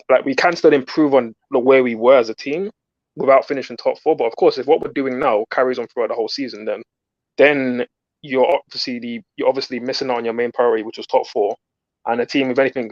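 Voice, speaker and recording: A man's voice: medium pitch, no room sound. A man talks through football in a casual, rambling way, as a fan show panellist. The recording is dry and a little dull, lacking top end.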